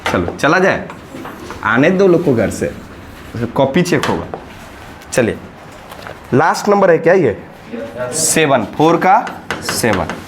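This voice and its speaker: A man teaches maths in a classroom, his voice sitting a little high for a man. He counts through the steps aloud and keeps checking with the students, coaxing them to say whether it is clear. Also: very animated, slow, pauses often. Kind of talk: classroom lesson at a whiteboard. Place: classroom, recorded in summer heat.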